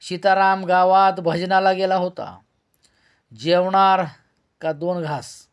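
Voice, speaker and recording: A grave, reproachful village mother from a storybook, read by a male narrator. She speaks in a fairly high voice kept close to the reader's own, with a steady, weighty tone. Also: slow, clean tone, muffled recording. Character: stern older village mother, woman.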